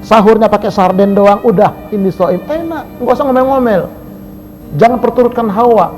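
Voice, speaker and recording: A man preaching a lively sermon, swinging between loud emphasis and soft asides. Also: sits high, moderate pace, faint music behind, low-quality recording.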